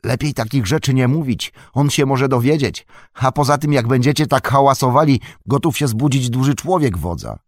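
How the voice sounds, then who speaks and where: A man's voice: medium pitch, normal speed, no room sound, studio quality, pitched above the performer's own voice, lightly acted. A man voicing a timid, anxious old male hobbit gatekeeper in an audiobook, fretful and pleading. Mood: nervous. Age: older.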